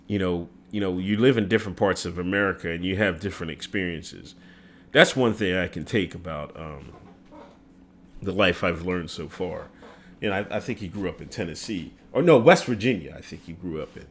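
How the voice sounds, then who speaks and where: A man's voice: sits low, moderate pace, a little hiss or hum. A middle-aged man hosting a casual livestream, talking loosely with many fillers and frequent laughs. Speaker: show host.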